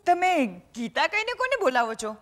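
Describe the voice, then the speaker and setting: A naive, wide-eyed young patient. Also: female voice, very high-pitched, very animated, moderate pace, loud music behind the voice. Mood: innocent. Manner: chatty, wide-eyed storytelling. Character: naive young woman patient, cheerful and innocent. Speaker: patient in a hospital. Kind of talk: stage play acting.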